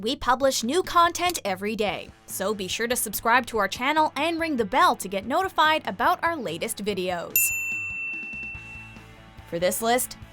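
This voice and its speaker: A woman reading scripted narration as the narrator of a countdown video. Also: fairly high pitch.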